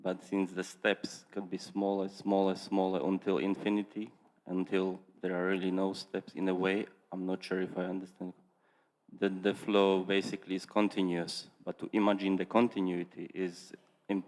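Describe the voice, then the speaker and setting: A man's voice: deep voice, completely flat delivery, normal speed, darkish tone. A man asking a question as a student at a teaching, hesitant and searching for words. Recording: long hall reverb.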